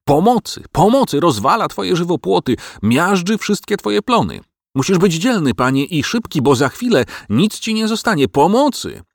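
A panicky male farm dog yelps and howls for his master, his voice jumping high above the reader's own and swinging wildly, put on by a man. It is a storybook reading with a dry, close sound. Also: wildly swooping pitch, normal speed, few pauses, fairly bright tone, no echo, exaggerated voice. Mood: urgent. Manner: frantic, shrill cries for help.

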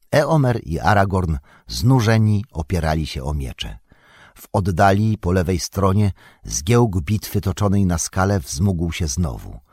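Low husky male audiobook narrator. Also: no echo, studio quality. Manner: measured, dramatic reading. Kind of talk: scripted narration of a fantasy novel.

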